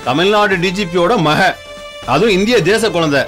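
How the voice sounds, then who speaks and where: A middle-aged police chief who speaks to his family with patient, teasing calm. His voice is bright and sits a little high. Soft music plays underneath. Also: normal speed. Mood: coaxing. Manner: patient, coaxing, gently teasing.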